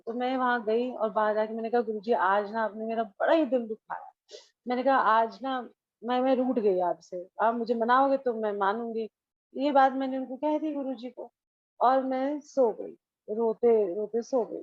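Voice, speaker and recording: A woman with a somewhat high, slightly mellow voice casually shares an emotional devotional testimony in Hindi, mixing in English phrases and acting out the dialogue. The recording is muffled, with no echo.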